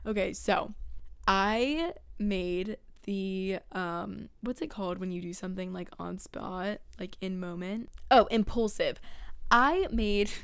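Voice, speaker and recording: A woman's voice: medium pitch, slow pace, gravelly, clean tone, no room sound. A young adult woman telling a casual story, blunt and full of swearing, acting out each moment as she goes. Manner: profane, blunt, animated storytelling.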